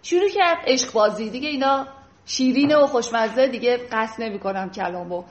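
Female literature teacher with a fairly high voice, slow verse then brisk plain explanation, roomy echo. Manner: slow measured verse recitation, then quick colloquial explanation. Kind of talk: reading and explaining classical poetry.

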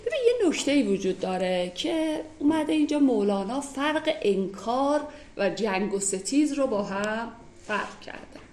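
A woman with a somewhat high voice teaches classical poetry verse by verse. She moves easily from reciting lines to chatty explanation, reaching for everyday examples. The sound carries a clear echo of the room around her. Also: sing-song, a little mellow. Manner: conversational, recites verses then unpacks them with everyday examples.

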